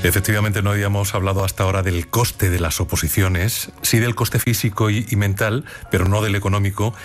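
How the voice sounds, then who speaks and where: A man's voice: on the low side, fairly even intonation, fairly quick, music in the background. A man moderating a panel discussion, speaking in a conversational, reflective way.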